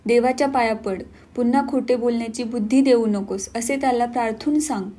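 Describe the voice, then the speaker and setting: A woman's voice: fairly high pitch, brisk, warm tone, lightly acted. A woman voicing a loving but stern village mother, speaking firmly and reproachfully. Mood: gentle firmness. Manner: firm, reproachful.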